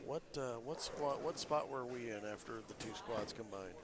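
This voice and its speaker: A man bowler chats casually on a stream's commentary, stuffy-nosed, joking around and laughing easily. He has a mid-range voice at a moderate pace, and crowd noise from the bowling alley fills the background.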